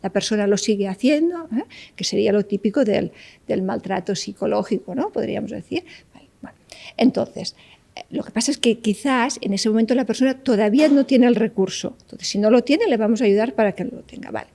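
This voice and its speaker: Gravelly-voiced psychologist woman. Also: a little high, brisk, dark tone. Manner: didactic, keeps checking with "¿vale?". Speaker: psychologist guest. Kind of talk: explanatory interview talk.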